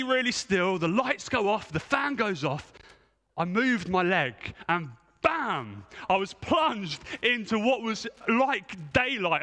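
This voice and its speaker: A man preaching from a church stage with a high, lively voice that swoops up and down as he tells a funny story at his own expense. His tone is bright and forward, and a long hall reverb trails every line. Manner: humorous, self-mocking anecdote. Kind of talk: storytelling sermon.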